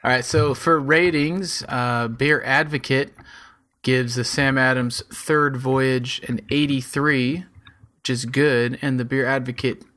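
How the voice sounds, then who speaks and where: Man, podcast co-host, casual chat, easygoing, bright voice. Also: mid-range voice, fairly even intonation, takes it slowly.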